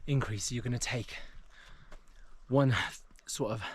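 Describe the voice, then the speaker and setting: A man's voice: medium pitch, steady tone, measured pace, darkish tone, slight background noise. A man filming himself as he hikes a mountain trail, chatting casually with plenty of fillers, out of breath on the climbs. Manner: chatty, loose with fillers, talks while walking. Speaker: hiking vlogger. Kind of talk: casual chat while hiking.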